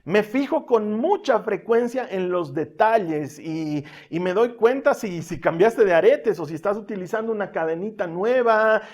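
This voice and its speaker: High-voiced man preaching a sermon. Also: normal speed, hardly any pauses. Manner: swings from lively and loud to soft and hushed; asks the congregation for amens, uses everyday examples. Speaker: pastor.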